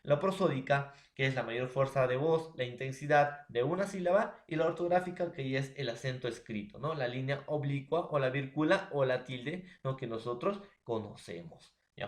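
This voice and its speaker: A man teaching a grammar lesson, explaining step by step and checking often with his listeners. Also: medium pitch. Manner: explains step by step, calls the listeners "profesor" and "jóvenes". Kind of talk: classroom lesson. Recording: echoey room.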